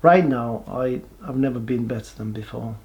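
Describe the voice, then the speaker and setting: A man, giving a halting, reflective personal testimony with many pauses and restarts. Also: mid-range voice, a little mellow, muffled recording. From Bulgaria. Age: 40s. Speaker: person sharing his life story.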